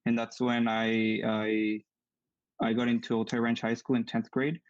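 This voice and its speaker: In an online interview, a young engineering student from Mexico, a native Spanish speaker with a strong Mexican accent, answers earnestly as the guest. His medium-pitched voice has little pitch movement and a normal speed. The audio is dull but free of echo.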